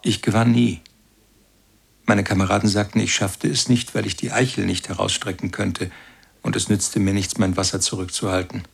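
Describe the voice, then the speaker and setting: An actor in a radio play narrating as a grown son who recalls his childhood in slow, brooding words and keeps turning to address his mother. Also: fairly low pitch, level tone, creaky, husky. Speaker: first-person narrator.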